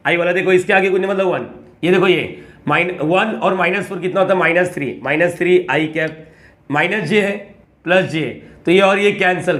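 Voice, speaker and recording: A man's voice: sits high, fairly bright tone. A young man teaches a math lesson. He talks in a chatty, coaxing way and keeps firing questions at his students as he works through each step. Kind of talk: classroom lecture.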